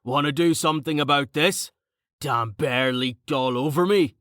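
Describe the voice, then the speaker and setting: A man's voice: fairly high pitch, unhurried, fairly bright tone, no echo, voice pushed up. Audiobook: male narrator plays a boisterous, swearing brute of a warrior, dry close read. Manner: boisterous, swears, rough slang. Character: brash burly male warrior, crude joker.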